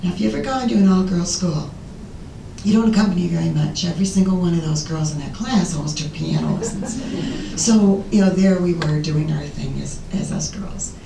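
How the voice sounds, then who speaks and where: An older American woman with a raspy voice, giving an informal, rambling, self-deprecating talk about herself as a presenter. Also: fairly quick. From Illinois, United States. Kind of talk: informal autobiographical talk to an audience. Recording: roomy, distant mic, faint rumbling noise.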